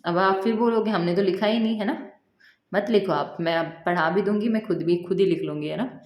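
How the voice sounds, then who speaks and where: A woman teacher with a Rajasthani Hindi accent speaks in a slightly low voice. She explains chemistry step by step in a chatty, teasing manner. The sound carries a roomy echo. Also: moderate pace, dull audio. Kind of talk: casual teaching lesson. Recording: echoey room.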